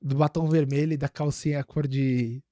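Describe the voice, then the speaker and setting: A man's voice: medium pitch, steady tone, normal speed, warm tone, no echo. A man hosting a podcast, telling stories in a rambling casual way with many fillers. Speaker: podcast host.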